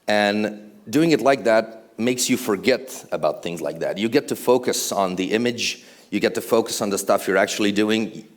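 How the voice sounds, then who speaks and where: A man's voice: on the low side, moderate pace. A man from Croatia, giving a casual, conversational conference presentation with fillers and dry humor on stage before a large audience. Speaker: conference speaker, architectural visualization studio co-owner.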